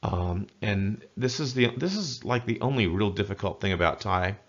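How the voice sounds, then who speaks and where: A man giving a casual spoken language lesson, chatty and folksy, slowly repeating words to model pronunciation. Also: on the low side, expressive, muffled recording. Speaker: language teacher.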